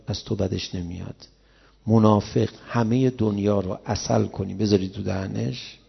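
A man preaching a sermon, telling stories in a conversational way and rising to loud emotional cries. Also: lowish voice, creaky, husky. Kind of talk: sermon with storytelling. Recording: dull lo-fi sound with long hall reverb.

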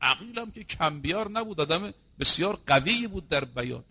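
A man's voice: fairly high pitch, lively intonation, pushed and bright, breathy edge. A man preaching a sermon, telling stories and acting out the quoted dialogue, and addressing his listeners as brothers and sisters.

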